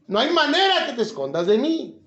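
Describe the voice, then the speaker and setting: A man's voice: very high voice, wildly swooping pitch, brisk, fairly bright tone. A man with a Mexican accent preaching informally from the Bible, chatty and joking, asking his listeners questions. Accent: Mexican Spanish. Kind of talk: informal Bible teaching to a congregation. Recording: echoey room, slightly dull sound.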